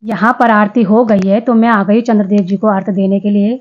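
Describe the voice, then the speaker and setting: A woman's voice: mid-range voice, fairly even intonation, normal speed, lo-fi sound. A woman vlogger narrating her day in a casual voice-over, chatty, often restarting and correcting herself.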